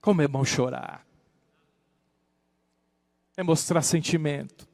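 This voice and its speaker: A male pastor preaching a sermon, moving between hushed low asides and loud rising exclamations. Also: takes it slowly, gravelly, no room sound, big-room sound.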